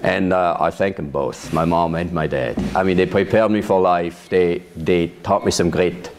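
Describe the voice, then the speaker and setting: A man in his fifties speaks in a deep, low register. He tells his story in a measured, reflective way as an interviewee at his farm. Faint background hiss sits under the voice. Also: steady tone. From Switzerland. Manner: measured storytelling with occasional laughs. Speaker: interviewee, vineyard manager. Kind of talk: oral history interview.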